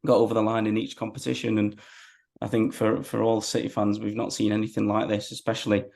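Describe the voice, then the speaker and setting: A man's voice: on the low side, completely flat delivery, fast, vocal fry, darkish tone. A man, chatting casually as a football fan being interviewed.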